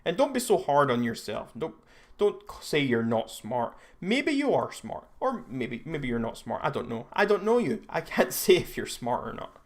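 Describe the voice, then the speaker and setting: A man's voice: mid-range voice, big pitch swings, moderate pace. A young Scottish man hosting a live stream, chatting casually and rambling with frequent restarts and self-corrections. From Scotland. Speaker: livestream host.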